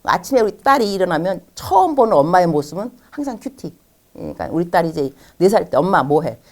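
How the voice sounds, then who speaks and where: Middle-aged woman missionary talking to parents at church, voice jumps all over, a bit low, acts out the kids and moms. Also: quick pace. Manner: animated, acts out parents and children in quoted lines. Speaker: missionary speaker.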